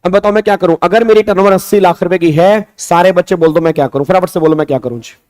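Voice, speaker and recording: High-voiced man, mellow tone, lecturing, repeats questions, scolds and hurries students. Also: quick pace. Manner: acts out examiner and students in quoted lines. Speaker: tax teacher. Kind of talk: online exam-prep lecture.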